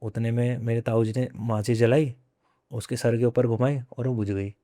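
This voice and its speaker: A man's voice: mid-range voice, steady tone, warm tone, dry recording, studio quality. A young man, a podcast guest, telling a personal ghost story in a casual way and often repeating his phrases. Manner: repeats phrases, conversational and unhurried.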